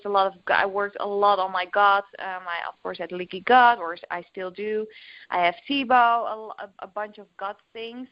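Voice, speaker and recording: Guesting on a podcast, a recovery coach, a young adult Dutch woman, speaks openly in a mid-range voice, peppering her talk with fillers and restarts. There is no echo, but the audio is dull and lo-fi.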